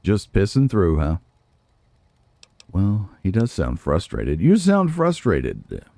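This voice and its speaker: A let's player offers casual commentary on a video game, musing to himself and poking fun at his own play. His deep, warm voice has vocal fry and swoops wildly in pitch, delivered slowly on a dry recording.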